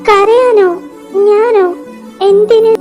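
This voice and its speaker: A woman's voice: extremely high pitch, fairly even intonation, slow pace, a little mellow. A woman voicing a heartbroken young woman who hides her tears, in a fan audio drama. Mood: evasive, tearful. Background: background music.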